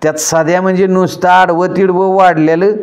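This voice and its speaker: A man's voice: sits high, little pitch movement, normal speed, a little mellow, clean tone. A man telling a folk story in a wry, self-mocking way, calling out to his listeners.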